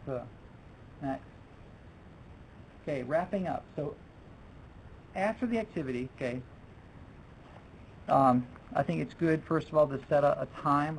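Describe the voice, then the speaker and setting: Gravelly man giving a teacher workshop. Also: mid-range voice, slight background noise, poor audio. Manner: chatty, restarts often, drops in French phrases. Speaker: French teacher presenting a workshop. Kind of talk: workshop talk to fellow teachers.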